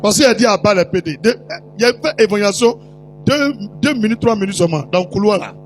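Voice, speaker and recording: A prophet with an Ivorian French accent preaches a storytelling sermon in a high, animated voice, talking fast. He's chatty and teasing, speaking straight to the congregation, though the audio is poor and faint music sits behind him.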